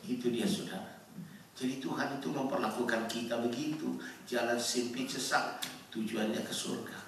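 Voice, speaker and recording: A man preaching a sermon to a congregation, swinging between loud exhortation and hushed storytelling. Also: mid-range voice, normal speed, distant mic, slight background noise. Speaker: pastor. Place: church hall. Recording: very echoey hall, voice from afar.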